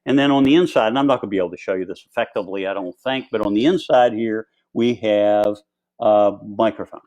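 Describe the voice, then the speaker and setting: A man with a fairly low voice presents a piece of equipment as an instructor. He explains it conversationally and informally, wandering from point to point as he would on a live video tutorial. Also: quick pace, a little mellow, low-quality recording. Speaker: instructor presenting diving gear.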